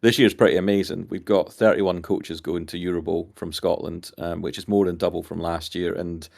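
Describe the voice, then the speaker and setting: A man's voice: deep voice, steady tone, moderate pace, vocal fry, a little mellow. A man, a team captain, chatting casually on a stream, rambling with many repeated words and hesitations.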